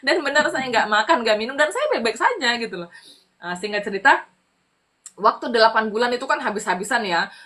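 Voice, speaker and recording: Bright-voiced Indonesian woman telling a testimony. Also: brisk. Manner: lively storytelling, acting out quoted dialogue with pitch jumps; casual, frequent fillers like "gitu". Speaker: guest giving testimony.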